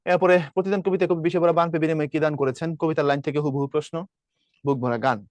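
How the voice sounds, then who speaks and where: Fast young-ish sounding tutor guy, slightly high voice, dry close mic, keeps asking "got it?". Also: steady tone, no echo. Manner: quick explanatory, rhetorical questions to students. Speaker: exam prep tutor. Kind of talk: spoken lesson solving exam questions.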